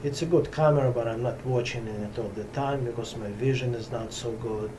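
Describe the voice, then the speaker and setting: A middle-aged yoga teacher whose first language is Russian speaks slowly and off the cuff to camera in a small, hot room of a Brooklyn home ashram. His mid-range voice comes haltingly, full of fillers and pauses as he searches for words, picked up by a distant camera with constant background noise.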